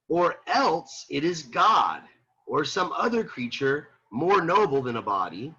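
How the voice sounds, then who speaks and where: Male philosophy lecturer, bright forceful husky voice, animated and repetitive, dull lo-fi classroom audio. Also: a little high. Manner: animated, repeats himself, rhetorical questions to students. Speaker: philosophy teacher. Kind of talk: classroom lecture reading and explaining a text.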